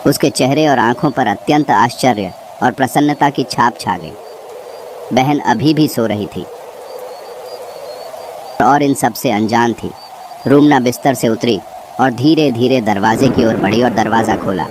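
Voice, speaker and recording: Pausing often, a man reads a scripted horror story aloud at a slightly slow pace, his voice medium in pitch. Nature ambience of insects and birds is clearly audible behind him.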